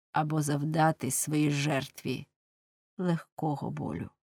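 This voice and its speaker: A woman narrating a novel in a grave, measured audiobook reading. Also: deep voice, a little mellow, no room sound.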